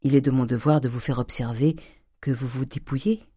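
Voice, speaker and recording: Brief: reader playing a stiff, careful notary, measured legal tone, dry recording. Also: medium pitch, fairly even intonation, warm tone, breathy edge, dry recording, natural voice. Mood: formal. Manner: measured, formal legal phrasing. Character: middle-aged male notary, formal and careful.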